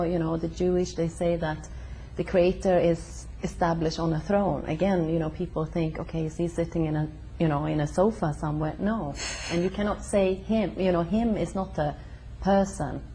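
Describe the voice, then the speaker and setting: Low-voiced woman from Sweden, hesitant. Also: steady tone, warm tone, a little hiss or hum, poor audio. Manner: hesitant, many fillers and pauses. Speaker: interviewee. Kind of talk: casual conversation. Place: her home.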